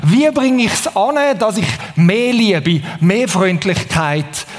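A man's voice: high-pitched, lively intonation, slow pace, in a large hall. A man with a Swiss German accent preaching a sermon in a conversational way, often asking the audience questions.

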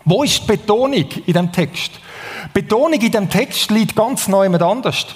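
A man's voice: high-pitched, lively intonation, normal speed, in a large hall. A man with a Swiss German accent preaching a sermon in a conversational way, often asking the audience questions.

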